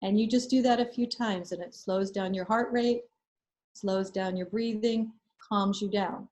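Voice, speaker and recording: A woman's voice: medium pitch, fairly even intonation, measured pace, a little mellow. A woman advising students in a casual webinar, giving frank practical advice with fillers and restarts. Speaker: medical school admissions advisor. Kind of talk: casual webinar talk answering questions.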